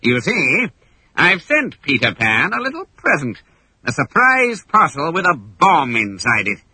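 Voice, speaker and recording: A man putting on a crowing pirate captain, gloating and menacing, husky and bright-edged, dry close sound, storybook villain. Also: on the high side, huge pitch swings, unhurried, no echo, pitched above the performer's own voice, heavily acted.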